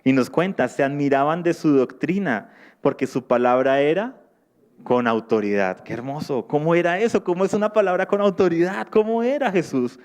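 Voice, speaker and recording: A male preacher with a slightly mellow, higher-leaning voice teaches from the Bible during a sermon. He reads scripture aloud and asks his listeners questions, then answers them himself.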